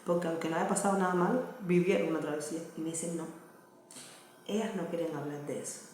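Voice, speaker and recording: A woman's voice: on the low side, steady tone, fast, darkish tone. A Cuban woman in her thirties with a Cuban accent, talking earnestly and casually to camera as a vlogger and mother, often checking that the listener follows. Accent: Cuban Spanish. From Cuba. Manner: earnest, conversational, asks "¿me entiendes?". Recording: very echoey room, faint noise.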